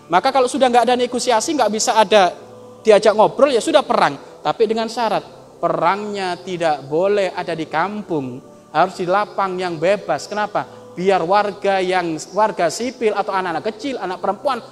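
A man preaching a sermon, moving between loud emphatic urging and soft, tearful appeals. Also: sits high. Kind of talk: sermon to a congregation. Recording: long hall reverb, faint music behind.

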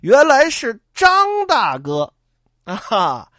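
A man's voice: high-pitched, huge pitch swings, very slow, a bit bright, dry recording, heavily acted. Bullying bandit leader, wheedling and threatening; a man performs him, dry sound. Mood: coaxing. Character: menacing bandit leader, smooth-talking bully.

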